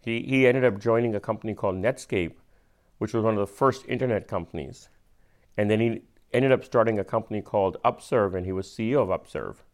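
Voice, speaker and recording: A man with an Indian accent, a venture capitalist, explaining things patiently and with measured emphasis in casual conversation. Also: lowish voice.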